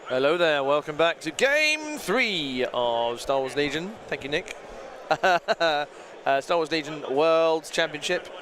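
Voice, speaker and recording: A man's voice: fairly high pitch, animated, slow pace, a bit bright, a little hiss or hum. A British man commentating a live tabletop game tournament in a chatty, rambling way that often corrects itself. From Britain. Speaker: stream commentator.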